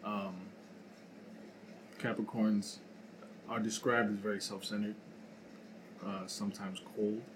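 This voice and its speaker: A man with a fairly low voice talks in a relaxed podcast chat. He muses slowly, with many ums and restarts. Clear background noise runs under the recording. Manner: reflective, hesitant with many fillers. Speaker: podcast co-host. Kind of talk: casual chat. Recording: noisy room recording.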